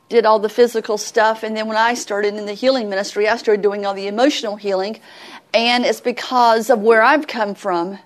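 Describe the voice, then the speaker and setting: Southern woman, middle-aged, folksy ministry teacher, slightly high voice, plain earnest delivery. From Southern United States.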